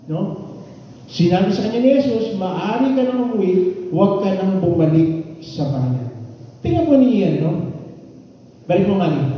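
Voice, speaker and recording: Filipino male preacher, lively sermon voice with many questions, picked up from far off in a reverberant hall. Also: very high voice. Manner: asks rhetorical questions with tag "no?"; repeats key lines for emphasis. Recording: distant, echoey hall, dull sound.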